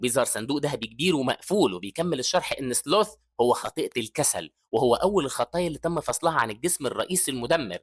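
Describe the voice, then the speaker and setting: A man with an Egyptian accent narrating a comic story recap in a rapid, breathless rush. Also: medium pitch, expressive, slightly rough. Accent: Egyptian Arabic.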